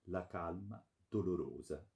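A man narrating a classic novel in a theatrical, expressive reading. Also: deep voice, a little slow, gravelly.

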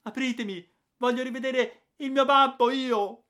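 A man's voice: fairly high pitch, lively intonation, moderate pace, pitched above the performer's own voice. A man doing a cheeky, whiny young boy. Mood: shouting. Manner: whining, shouting.

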